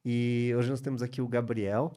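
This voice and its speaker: Brazilian English teacher, male, mellow dark tone, chatty tag-question delivery, lively intonation. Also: mid-range voice, moderate pace. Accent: Brazilian Portuguese. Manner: lively, rising intonation with frequent "né?" and "tá?" tags. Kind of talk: teaching English in a video lesson.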